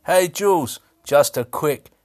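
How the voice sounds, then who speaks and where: A man's voice: a little high, animated, takes it slowly, darkish tone. A British man leaving a casual voice message for a podcast host. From United Kingdom.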